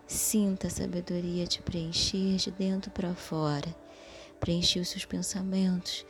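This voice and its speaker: Slow, soothing woman leading meditation. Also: fairly low pitch, level tone. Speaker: guided meditation leader. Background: soft music.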